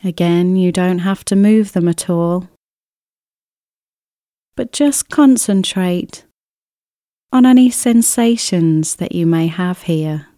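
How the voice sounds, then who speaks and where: A woman guides a relaxation exercise in a mellow, smooth voice. She moves very slowly through each scripted instruction, gentle and soothing, leaving unhurried pauses. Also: on the low side, no room sound, studio quality. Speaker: relaxation therapist guiding an exercise. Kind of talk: scripted guided relaxation, body scan meditation.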